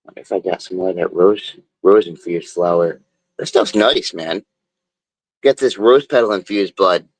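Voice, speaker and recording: A man's voice: low voice, normal speed, no echo, low-quality recording. A man streaming casually as he draws, talking in a laid-back, drawling, slangy way into a phone. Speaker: live streamer and tattoo artist. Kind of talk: casual chat while drawing.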